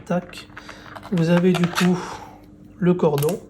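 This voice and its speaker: A man presenting and unboxing phone accessories in a casual, relaxed way, with frequent fillers. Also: sits high, takes it slowly, background noise. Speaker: tech reviewer.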